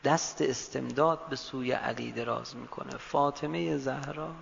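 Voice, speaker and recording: Gravelly preacher in a dull echoey hall. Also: male voice, medium pitch, steady tone, slight background noise. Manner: storytelling with sudden emotional rises and hushed drops. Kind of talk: sermon.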